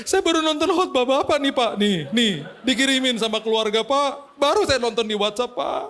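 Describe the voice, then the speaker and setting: Give me a man acting out a tearful, grateful young driver with a high, pleading voice. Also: expressive, measured pace, a bit bright, exaggerated voice.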